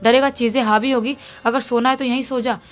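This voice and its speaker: A woman voicing a mother who calmly reassures her scared son. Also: on the high side, a little fast, soft background music, close to an everyday voice. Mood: soothing. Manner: soothing, dismissive reassurance. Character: calm, soothing mother of a teenage son.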